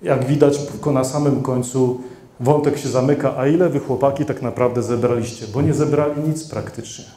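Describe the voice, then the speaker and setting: In a conference hall before a seated audience, a middle-aged man presents with a handheld microphone, his delivery hesitant and full of fillers and restarts. His mid-range voice has a dark tone, a brisk pace, and fairly even intonation. The hall's roomy echo is audible.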